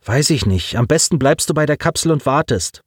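A man's voice: a little high, expressive, fairly quick, breathy edge, no room sound, studio quality, pitched above the performer's own voice. A man voicing a harried, anxious teenage boy. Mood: worried, hurried. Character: anxious teenage boy stranded in a wrecked starship.

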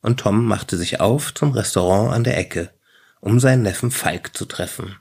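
A man reading a story aloud in a measured, steady way, as narrator. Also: on the low side, slightly rough. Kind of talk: audiobook narration.

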